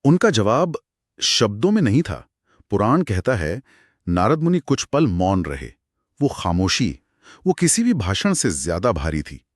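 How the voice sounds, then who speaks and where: A man tells a sacred story in a discussion, his low voice rising and falling widely. He narrates dramatically and slows down for the weighty moments. The sound is dry and close. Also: no echo. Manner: dramatic, expressive narration with slowed pauses. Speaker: co-host retelling scripture.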